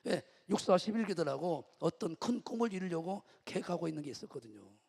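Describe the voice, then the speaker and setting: A man's voice: a little high, big pitch swings, brisk, vocal fry, darkish tone, in a large hall. A middle-aged male pastor, preaching a sermon and telling his own story with rhetorical questions to the congregation. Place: church sanctuary.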